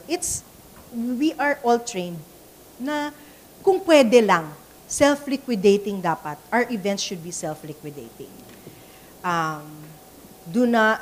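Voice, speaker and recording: This Filipina trainer at a church event speaks with an Ilonggo accent in a slightly high voice, with a faint hiss or hum on the recording. Her training talk is conversational, shifting between English and Tagalog, with words repeated as she gathers her thoughts.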